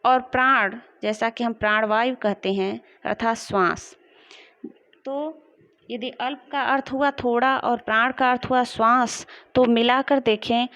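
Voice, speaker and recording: A woman teacher explaining a lesson slowly and clearly, repeating examples. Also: on the high side, steady tone, fairly bright tone. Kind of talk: classroom lesson. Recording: dull lo-fi recording.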